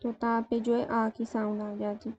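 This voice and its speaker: Slow, flat-voiced woman teaching grammar. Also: fairly high pitch. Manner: slow, explains step by step with many fillers. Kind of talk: grammar lesson. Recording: dull lo-fi sound with faint noise.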